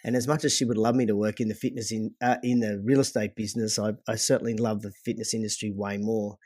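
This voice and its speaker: A middle-aged man from Australia with an Australian accent, a gym owner talking as a podcast guest in a joking, relaxed, rambling way. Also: lowish voice, fast talker, breathy edge, no room sound, clean studio sound. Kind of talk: casual interview talk.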